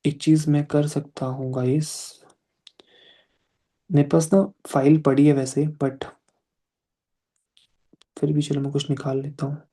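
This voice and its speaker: A young man teaching English pronunciation in a live online class, patiently repeating words slowly to demonstrate the sounds. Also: on the high side, flat delivery, mellow.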